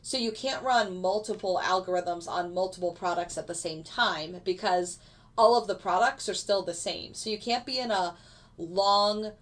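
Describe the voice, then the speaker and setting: A woman's voice: mid-range voice, normal speed. A woman with a stuffy, congested voice from a cold, explaining her live trades casually and answering viewer questions with fillers. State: stuffy nose from a lingering cold. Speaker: futures day trader streaming live. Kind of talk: live trading commentary answering chat.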